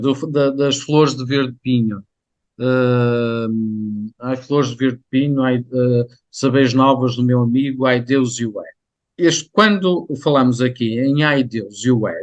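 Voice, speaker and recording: Guest expert, male, European Portuguese accent, slow and hesitant, dry close sound. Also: medium pitch, dry recording, dull audio. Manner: hesitant, many drawn-out fillers. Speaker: guest scholar. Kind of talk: interview conversation.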